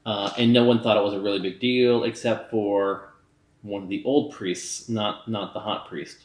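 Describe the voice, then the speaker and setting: A man's voice: on the low side, steady tone, moderate pace. A man reviewing a movie in casual banter, talking in a loose, rambling, tipsy way. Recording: roomy, echoey sound.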